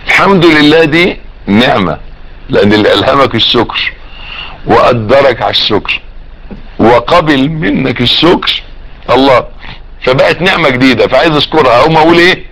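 A man with an Egyptian Arabic accent preaching a sermon, drawing out repeated phrases softly and rising to emphatic exhortation. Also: mid-range voice, animated, fairly quick, pauses often, poor audio.

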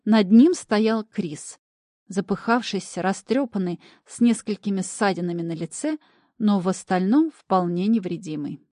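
A woman narrating a first-person story in an expressive, lively way. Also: medium pitch, measured pace, dry recording, studio quality. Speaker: audiobook narrator.

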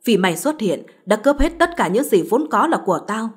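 Lady reading as spoiled nasty young woman, husky voice, pleads then snarls, audio storybook. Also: fairly high pitch, big pitch swings, a little fast. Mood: furious. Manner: shifts between pleading and snarling threats. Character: spoiled young woman, adopted daughter turned vicious.

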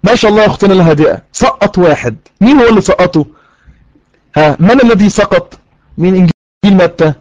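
A high-voiced man with an Egyptian accent teaches an interactive online class. He reads verses slowly and keeps asking his students questions. The sound is dry and slightly muffled. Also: lively intonation, no echo. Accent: Egyptian Arabic. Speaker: religious course teacher.

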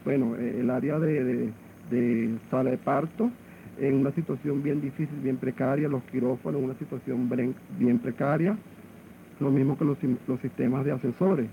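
A man with a Venezuelan accent, a hospital director interviewed on AM radio, halting and repeating words as he searches for them. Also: medium pitch, steady tone, gravelly. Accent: Venezuelan Spanish. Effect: AM radio broadcast sound. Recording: muffled AM radio with faint hiss.

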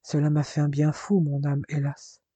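A tender, worried young man in a spoken novel, voiced by a male reader. The voice is warm and slightly husky, dry and close. He pleads gently and earnestly. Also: a little high, completely flat delivery, moderate pace, dry recording. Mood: teasing.

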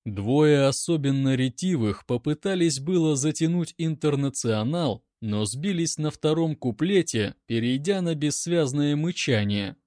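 A man's voice: fairly high pitch, darkish tone, no room sound, clean studio sound. Man narrating a wry story.

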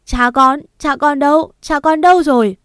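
Storybook role: a woman playing a sobbing young woman, frantic high pleading cries. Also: expressive, unhurried, no echo, clean studio sound. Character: young woman crying out for her father.

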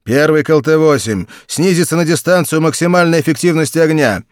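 A man's voice: medium pitch, animated, moderate pace, slightly rough, dry recording, pitched above the performer's own voice. Man playing commanding captain, terse orders, raised firm voice, dry sound. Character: commanding middle-aged male starship captain.

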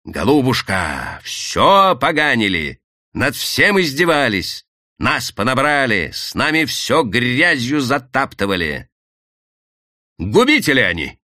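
A once-meek woman spits bitter accusations with sudden venom, as a male audiobook reader voices her. She speaks slowly with wide pitch swings. The recording is dry. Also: big pitch swings, bright, forceful tone, no room sound, exaggerated voice. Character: meek woman turned vicious with rage.

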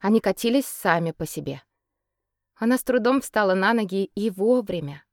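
A woman narrating a fairy-tale novel in an expressive, measured storytelling manner. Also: mid-range voice, dry recording, studio quality. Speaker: audiobook narrator. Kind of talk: scripted narration.

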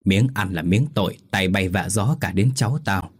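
A man's voice: deep voice, normal speed, husky. A man voicing a stern old male ghost father who scolds and threatens his son. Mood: stern scolding.

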